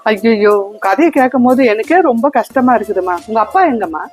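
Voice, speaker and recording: A woman acting as a caring auntie in a comedy sketch, coaxing gently but talking fast. Her voice sits a little high, with faint music underneath. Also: lightly acted. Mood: gentle. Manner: soothing, coaxing. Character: kind, caring adult woman stranger.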